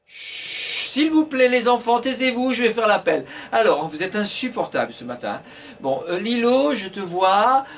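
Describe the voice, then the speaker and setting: A man's voice: sits high, big pitch swings, normal speed, fairly bright tone, distant mic, slight background noise, pitched above the performer's own voice, heavily acted. A man voicing a strict, exasperated female schoolteacher who scolds her pupils.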